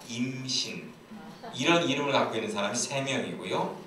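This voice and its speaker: A man's voice: medium pitch, bright, forceful tone. A man preaching a sermon as pastor, telling jokes and playful stories. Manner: playful, joking storyteller. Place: church sanctuary. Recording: very echoey church hall, distant mic, faint hiss.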